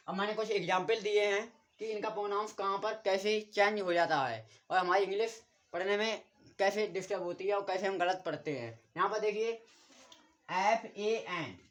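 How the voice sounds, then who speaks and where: A man from India teaching a basic online English lesson. He explains in an even classroom way, keeps pointing to the board, spells out words letter by letter and repeats each sound several times. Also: sits high, fairly quick.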